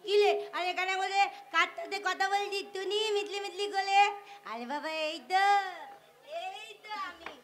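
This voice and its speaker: A woman's voice: very high voice, normal speed, a bit bright. A woman playing a sick, childlike young woman who lisps in baby talk, playful and stubborn, in live folk-theatre style. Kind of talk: live jatra stage acting.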